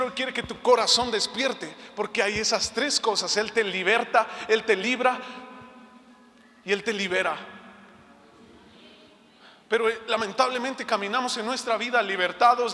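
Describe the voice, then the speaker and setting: A man's voice: sits high, fairly even intonation, normal speed, sharp tone. A man preaching an online sermon, personal and impassioned, pressing his listeners with repeated questions. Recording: long reverb of a hall.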